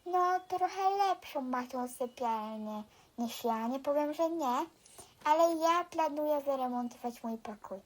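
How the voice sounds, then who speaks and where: High-pitched female vlogger through a voice changer. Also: unhurried, rough recording. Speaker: video creator giving a game house tour. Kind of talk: casual gameplay vlog commentary.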